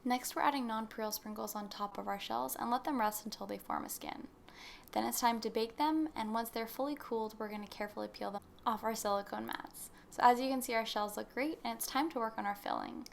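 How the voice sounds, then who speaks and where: A woman's voice: medium pitch, vocal fry, slight background noise. A young woman narrating a baking recipe as a voice-over, explaining each step in a friendly instructional way. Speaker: baking channel host.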